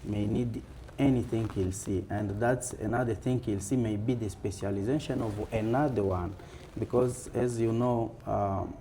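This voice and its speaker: A man with an African accent answering in a fireside chat interview in a halting, deliberate way. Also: on the low side, fairly even intonation, warm tone, a little hiss or hum.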